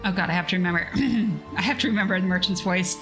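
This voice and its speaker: A woman's voice: fairly low pitch, fairly even intonation, very fast, music in the background, low-quality recording. A woman hosting a casual reading stream, reading a sci-fi story and chatting with viewers in self-deprecating asides. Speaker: streamer reading a book aloud.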